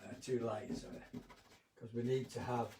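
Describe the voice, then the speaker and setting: A man giving a relaxed, rambling painting demonstration as an art instructor, often correcting himself. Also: medium pitch, moderate pace, far from the mic, a little hiss or hum. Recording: roomy echo, off-mic.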